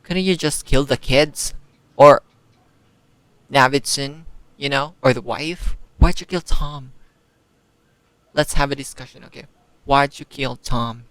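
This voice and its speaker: Young man, book vlogger, excitable, slangy, unhurried, smooth voice. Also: medium pitch, no echo. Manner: excitable, slangy, rhetorical questions. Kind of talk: casual spoken book review.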